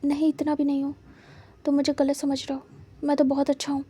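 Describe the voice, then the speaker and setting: A woman doing a hushed, coaxing young man. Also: high voice, monotone, brisk, natural voice. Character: teasing, possessive young man, quietly coaxing.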